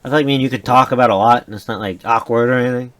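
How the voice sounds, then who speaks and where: A man's voice: mid-range voice, fairly even intonation, racing, a bit bright. A young man co-hosting a let's-play, chatting casually and rambling with fillers and laughs. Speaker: gaming co-host.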